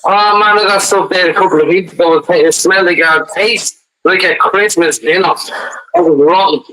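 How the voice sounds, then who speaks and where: A man's voice: high-pitched, moderate pace, pushed and bright. An Irish-accented man chatting casually on a live group chat, with noisy, clicky audio.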